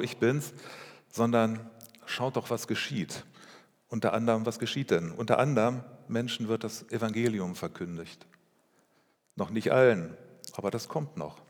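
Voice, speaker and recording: A man preaching a sermon as pastor, speaking in a measured way with rhetorical questions and repeated phrases. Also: fairly low pitch. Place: church. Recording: long reverb of a church hall.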